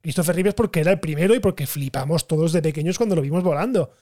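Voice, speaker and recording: A man with a Spain Spanish accent talks films in a loose, animated way, laughing as he goes. His voice sits high for a man. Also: racing. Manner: animated, laughing, swears casually. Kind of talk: casual film discussion.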